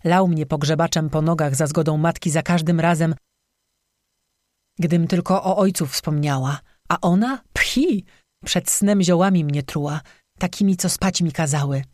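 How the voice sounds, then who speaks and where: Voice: mid-range voice, unhurried, darkish tone, no room sound, natural voice. An audiobook narrator voicing a young cursed strzyga woman who confesses bitterly through tears, recorded dry and close. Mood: tearful. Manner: bitter, tearful confession with sobbing.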